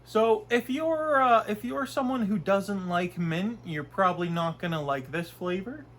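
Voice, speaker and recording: This young Canadian's voice is high and fairly bright, running a little slow as he reviews food from his small bedroom. Nasal from a cold, he keeps things chatty and rambling, with frequent fillers and restarts.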